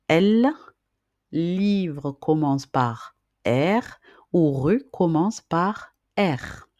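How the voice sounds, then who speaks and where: Slow, patient reading teacher. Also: medium pitch, a little mellow, no echo, clean studio sound. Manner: drills syllables and repeats questions patiently; casual fillers between explanations. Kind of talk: slow, deliberate teaching for beginners.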